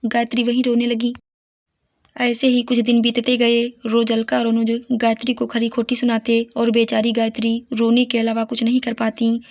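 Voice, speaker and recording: A woman storyteller narrating a moral story in a steady, even manner. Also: fairly high pitch, normal speed. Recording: dull lo-fi recording.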